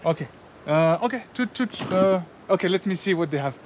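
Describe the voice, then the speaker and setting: Between a mountain village and a small roadside restaurant, a motovlogger in his thirties chats casually with locals and his camera, friendly and chatty, full of fillers and "guys." His high-pitched voice is animated and fairly quick, with a little hiss or hum in the audio.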